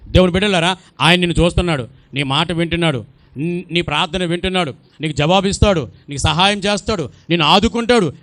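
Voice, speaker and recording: Man preaching easter sermon, highish voice, dry close sound, keeps repeating himself and firing questions at the crowd. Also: no echo. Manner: emphatic, repetitive, builds to loud exclamations; addresses the congregation directly with questions. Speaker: pastor.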